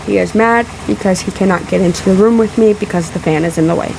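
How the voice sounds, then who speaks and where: Sick, breathy, creaky-voiced woman over fan noise. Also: mid-range voice, low-quality recording. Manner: emphatic, halting, emotional. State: sick, emotional, a little out of breath. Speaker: vlogger responding to a video. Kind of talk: casual rebuttal vlog to camera. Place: room in a house. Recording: loud fan noise in room. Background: fan running in the background.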